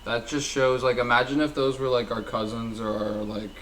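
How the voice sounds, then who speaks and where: A man's voice: medium pitch, fairly even intonation, normal speed, a bit bright, a little hiss or hum, rough recording. A man co-hosting a podcast, chatting casually in an earnest, opinionated way. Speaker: podcast co-host. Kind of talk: casual chat.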